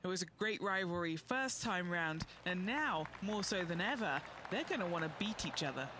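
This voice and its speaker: A man's voice: high voice, animated, normal speed. A man playing an on-course golf commentator, reporting in a casual, eager way for a video game broadcast. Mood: keen. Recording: faint background noise.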